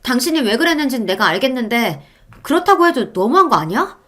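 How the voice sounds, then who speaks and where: High whiny young wife, flustered and pleading, a woman reading her lines. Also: big pitch swings, quick pace, a bit bright. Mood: accusing.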